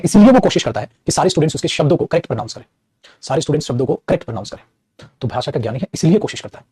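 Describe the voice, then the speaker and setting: Male grammar teacher, mellow slightly high voice, dry close sound. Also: breathy edge, no echo. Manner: calls students "beta", reads sentences slowly. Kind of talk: exam error-spotting lesson.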